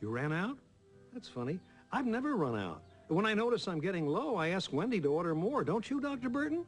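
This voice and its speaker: An actor playing a prissy, passive-aggressively polite doctor in a TV comedy-drama, speaking in a formal, pointed way. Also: male voice, high voice, big pitch swings, fairly quick, slightly rough, soft background music, exaggerated voice. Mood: pointedly polite. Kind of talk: naturalistic TV comedy-drama acting.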